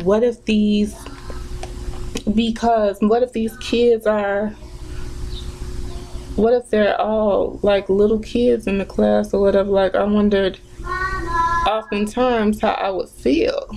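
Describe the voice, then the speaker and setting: Woman, twenties, casual makeup vlog chat, unhurried, reflective, light background noise. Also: mid-range voice, darkish tone, poor audio. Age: 20s. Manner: chatty and reflective, with many fillers and restarts. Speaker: vlogger.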